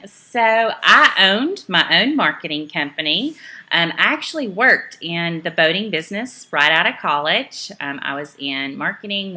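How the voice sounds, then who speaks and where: Give me a middle-aged East Tennessee woman with a Southern accent, low-pitched yet bright, chatting upbeat through a training video at home. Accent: Southern American (East Tennessee). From Eastern Tennessee, United States. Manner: chatty, upbeat, many "um"s and self-corrections. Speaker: direct sales team trainer.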